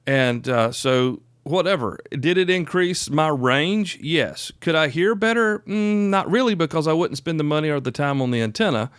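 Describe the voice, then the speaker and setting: Speaking close to the mic at a normal speed with few pauses, this solo podcast host is a man in his fifties with a slightly high, smooth, animated voice and no echo. His delivery is casual and informal, with phrases repeated for emphasis.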